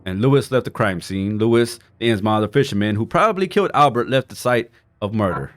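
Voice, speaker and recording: Low-voiced man commentating a game. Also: animated, brisk. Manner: informal, jokey asides. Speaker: gaming streamer. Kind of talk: casual playthrough commentary, reading clues aloud.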